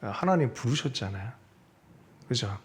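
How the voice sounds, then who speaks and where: A male pastor preaching a sermon in a church, animated and often asking the congregation questions. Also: mid-range voice, normal speed. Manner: animated, asks the congregation questions and seeks their agreement. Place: church sanctuary.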